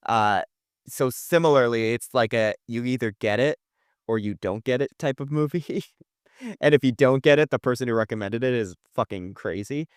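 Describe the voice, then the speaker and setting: A man's voice: mid-range voice, normal speed, clear, resonant tone, no room sound, clean studio sound. Enthusiastic man gushing about movies. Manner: emphatic, gushing, swears, many fillers. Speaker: podcast co-host. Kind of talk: casual movie review chat.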